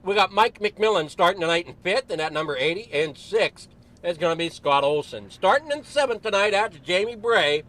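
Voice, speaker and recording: A man's voice: sits high, animated, moderate pace, a bit bright. A man commentating an online sim race broadcast, casual and a little out of breath, running through the starting grid. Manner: casual, apologetic, slightly rambling.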